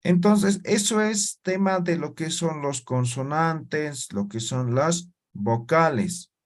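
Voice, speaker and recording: A man teaching a language class, talking slowly, checking in with his students and sounding out syllables one by one. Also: fairly high pitch. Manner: slow, checks in with "¿no ve?" and "¿ya?". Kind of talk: classroom lesson.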